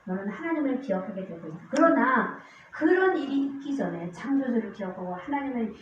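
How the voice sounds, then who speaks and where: A woman's voice: fairly high pitch, animated, brisk, slight background noise. A woman deaconess giving an earnest church testimony, reading scripture and then telling stories of street evangelism. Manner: earnest, storytelling, acts out quoted voices. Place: church sanctuary. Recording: echoey distant church mic, dull lo-fi.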